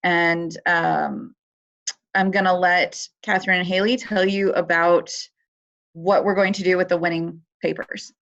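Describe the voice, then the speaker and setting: A woman's voice: lowish voice, little pitch movement, a little slow, fairly bright tone. A woman presenting a webinar, talking through her slides in a conversational way with many fillers, heard over dull computer audio. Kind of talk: explaining a competition on a webinar.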